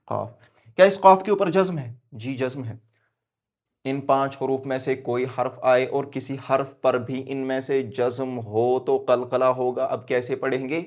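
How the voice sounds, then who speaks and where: A man teaching recitation rules in a classroom-style lesson, quizzing himself and answering, spelling out letters slowly and raising his voice to stress a rule. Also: medium pitch. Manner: asks questions and answers them himself, drills letters slowly; switches between quiet explaining and loud emphatic stress. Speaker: tajweed teacher.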